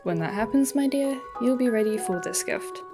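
A woman reading out the letter of a gentle, wise old grandfather from a farming game, softly and slowly, with game music behind. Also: a little high, pitched above the performer's own voice, close to an everyday voice. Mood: tender. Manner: slow, soft, reading aloud. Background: background game music.

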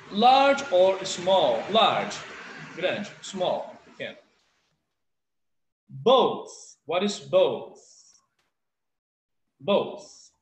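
Man, teacher, fairly high voice, animated pitch, slow and patient, echoey room. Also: a little hiss or hum. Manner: reads dialogues aloud, then explains vocabulary slowly and patiently. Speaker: English teacher. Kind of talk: online video lesson.

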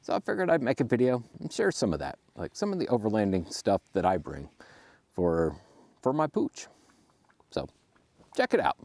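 Gravelly low-voiced man, laid-back vlog. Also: wildly swooping pitch, moderate pace, long pauses, a little mellow. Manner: laid-back, chatty, talks to his dog. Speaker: overlanding vlogger. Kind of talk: casual how-to vlog. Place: outdoors at a wooded campsite.

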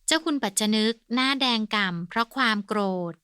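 A woman narrating a humorous period novel as an audiobook reader, with a steady storytelling delivery. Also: on the high side, brisk, slight background noise. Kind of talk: scripted narration.

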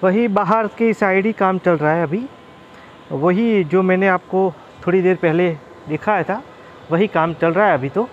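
A man's voice: high-pitched, measured pace, muffled recording. A man, narrating a casual railway travel vlog from a moving train and addressing viewers as friends. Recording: faint vehicle noise.

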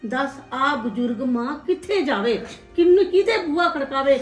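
An elderly mother, acted by a woman, laments her neglect in a high, sorrowful voice. The sound is echoey and distant, with music playing softly behind. It is family drama acting. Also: animated, normal speed. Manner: lamenting, sorrowful, breaks into tears. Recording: echoey room, mic far off, music behind.

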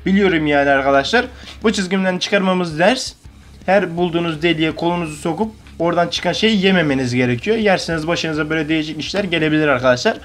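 Fast-talking and slightly high-voiced with a fairly bright tone, a young Turkish man reacts to a horror cartoon for his YouTube channel. He records in his bedroom, keeping things casual, slangy and full of jokes.

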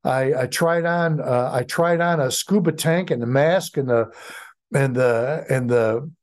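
A middle-aged American man preaching a sermon as pastor, with frequent fillers and restarts. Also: mid-range voice. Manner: halting, many fillers and restarts.

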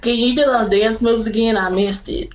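A young woman from Louisiana, twenty, hosts a livestream from her bedroom phone with a fairly high voice. Her manner is playful and bawdy, breaking into sudden shouts. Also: steady tone, moderate pace, poor audio. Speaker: livestream host. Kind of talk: joking livestream chat. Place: small bedroom indoors. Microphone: phone camera at arm's length.

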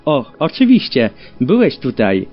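A man voicing a small young female pony who speaks in a soft, hesitant way. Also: medium pitch, wildly swooping pitch, measured pace, voice pushed down. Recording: dull lo-fi with faint music.

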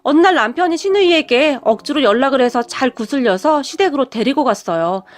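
A woman narrating a scripted first-person family story in an even storytelling manner. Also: high voice, a little fast.

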